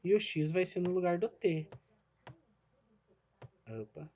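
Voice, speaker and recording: A man's voice: high-pitched, animated, takes it slowly, darkish tone. A male physics teacher gives a recorded online lesson. He explains each step and checks in with "né?" and "certo?", and he calls himself the teacher in the third person.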